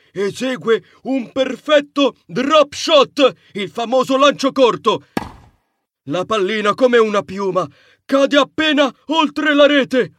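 A man's voice: very high-pitched, fairly bright tone, no echo, clean studio sound, pitched above the performer's own voice, heavily acted. A man doing a hammy mouse sportscaster. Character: loud boastful male mouse cousin, joking sports announcer. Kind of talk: audiobook character voice.

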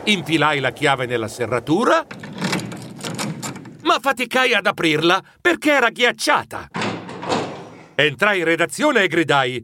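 Lively, animated male storyteller. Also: fairly high pitch, a little slow, long pauses, background noise. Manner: animated, dramatic first-person storytelling. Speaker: audiobook narrator. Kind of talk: expressive storybook narration.

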